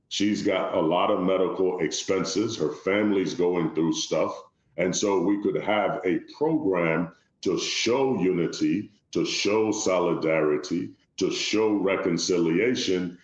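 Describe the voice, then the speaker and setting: Liberian-born man guest, very low voice, formal and measured, echoey dull remote audio. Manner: measured, formal, repeats "long story short". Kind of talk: interview conversation.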